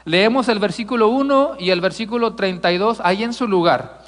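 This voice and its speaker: A man's voice: sits high, fairly quick, a bit bright, in a large hall. A man from Mexico preaching a conversational sermon as pastor, addressing the congregation as brothers. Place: church sanctuary.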